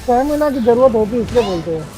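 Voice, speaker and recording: A man streaming live gameplay, excitable and frantic, yelling quick repeated commands at the game. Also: very high voice, music in the background. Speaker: gaming streamer.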